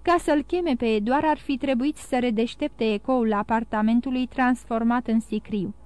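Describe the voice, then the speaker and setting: A woman narrates a classic novel in a steady, measured reading voice that sits fairly high. The recording is dry and close, with no room sound. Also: clear, resonant tone, no room sound. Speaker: audiobook narrator.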